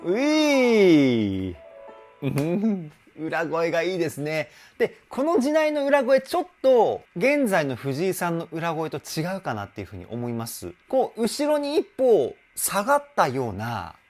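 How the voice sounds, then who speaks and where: A man working as a vocal coach talks through a song in a lively, up-and-down voice. He gets openly excited and a little self-deprecating as he explains technique. Now and then he slips into brief sung demonstrations. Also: on the high side, normal speed, few pauses, soft background music. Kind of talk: song reaction and vocal analysis.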